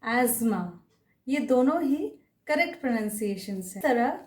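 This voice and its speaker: A woman teaching pronunciation in a slow, deliberate lesson, carefully repeating each word. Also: sits high, lively intonation, echoey room, recorded from a distance. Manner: repeats each word carefully, mixing Hindi with English terms.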